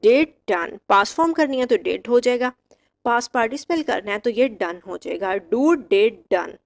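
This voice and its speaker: A woman teaching English verb forms, reciting each word slowly and clearly with short explanations. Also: fairly high pitch, animated. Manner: slow, drilled word-by-word recitation. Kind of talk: vocabulary lesson.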